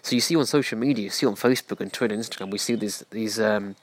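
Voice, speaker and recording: Earnest low-voiced man. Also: racing, no room sound. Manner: earnest, preachy, direct address to listener. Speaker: podcast host. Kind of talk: self-help podcast monologue.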